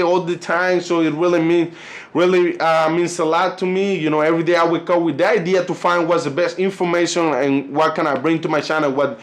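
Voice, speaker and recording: In his 20s and from Colombia, this native Spanish speaker runs a YouTube channel and has a higher-pitched voice with a Colombian Spanish accent. His casual vlog talk wanders, with lots of filler and frequent use of "you know" and "fellas."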